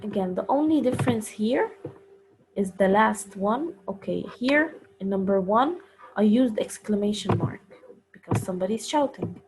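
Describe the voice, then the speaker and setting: A woman teaching punctuation in a recorded lesson, explaining each step slowly and carefully. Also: mid-range voice, lively intonation, noisy background. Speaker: English teacher.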